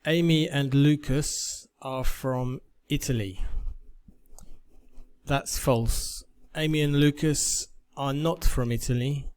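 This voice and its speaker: A man teaching a beginner English lesson, reading example sentences and verb forms in a careful, measured way. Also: mid-range voice, darkish tone, smooth.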